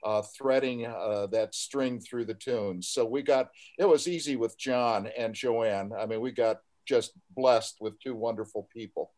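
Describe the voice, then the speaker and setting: Older American man, mid-pitched and measured. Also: a little mellow. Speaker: community radio folk show host. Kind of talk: conversational radio interview. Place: remote group video call.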